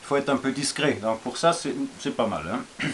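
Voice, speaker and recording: A man's voice: mid-range voice, normal speed, fairly bright tone, slight background noise. A man from Austria with an Austrian German accent, speaking French casually and hesitantly in a survival gear vlog, with many fillers and restarts. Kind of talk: casual show-and-tell vlog.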